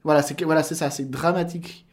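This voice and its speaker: A man in his thirties speaks quickly in a fairly high, steady voice. He's a voice actor appearing as a guest on a casual podcast, explaining things at length with lots of hesitations and filler words.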